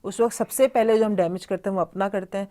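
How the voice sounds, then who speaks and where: A woman leads a talk with a guest, asking questions and summing up what has been said. Her voice is mellow and warm. She slips easily between two languages mid-sentence. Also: medium pitch, fairly even intonation. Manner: conversational questioning, switches between Urdu and English. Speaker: host. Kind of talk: interview conversation.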